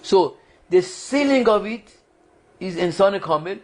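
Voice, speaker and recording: Speaking a little slowly in a high, animated voice, a man leads a small religious study group. The setting is a community foundation lecture room, where he talks conversationally, quizzes his audience, and keeps restarting his sentences.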